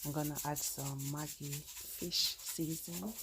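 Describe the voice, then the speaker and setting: A woman's voice: low voice, steady tone, slow. A woman with a Jamaican accent casually narrating each cooking step as she works, repeating herself as she explains. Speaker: home cooking vlogger. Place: indoor home kitchen at counter and sink. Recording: noisy home kitchen recording with handling sounds.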